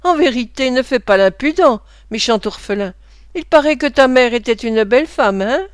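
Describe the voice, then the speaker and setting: A taunting, sneering apprentice boy, as a woman reader puts him on, voiced in a raised, strained register. The reading is crisp and close, with no room around it. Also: fairly high pitch, animated, moderate pace, no room sound, natural voice. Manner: mocking, then shrieking for help.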